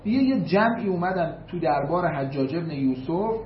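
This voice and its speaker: Iranian male preacher telling a history story, slightly high voice, roomy and a bit dull recording with faint noise. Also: expressive. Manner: recites classical Arabic quotations then translates them; emphatic, repeats figures for weight. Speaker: religious lecturer. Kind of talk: storytelling sermon.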